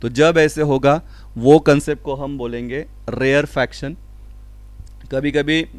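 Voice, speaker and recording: Male tutor at mid pitch, patient lecture pace, quizzes himself aloud, recorded close and dry. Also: dry recording. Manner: explains step by step, asks and answers his own questions; mixes Hindi with English terms, reads definitions slowly. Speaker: physics teacher. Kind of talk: classroom lecture.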